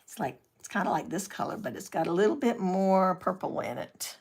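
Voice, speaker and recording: Gravelly older woman chatting while crafting. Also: lowish voice, animated, a little fast, darkish tone. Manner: chatty, reads and answers viewer comments. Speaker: craft channel host. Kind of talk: casual live craft demonstration.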